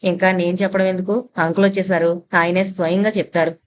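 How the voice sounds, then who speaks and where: A woman voicing a calm, gently amused young housewife. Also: on the low side, fast talker, a little hiss or hum, close to an everyday voice.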